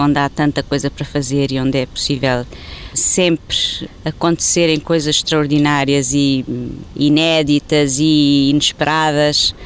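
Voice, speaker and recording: A woman in her fifties from Angola, talking reflectively in an interview and pausing on fillers. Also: deep voice, slight background noise. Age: 50s. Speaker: interviewee, newspaper editor.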